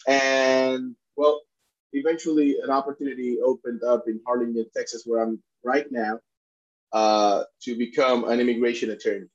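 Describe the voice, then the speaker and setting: A man's voice: medium pitch, little pitch movement, moderate pace. Earnest Puerto Rican man, slightly muffled. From Puerto Rico. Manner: earnest, many restarts and fillers. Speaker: immigration attorney and advocate, guest. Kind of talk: conversational interview.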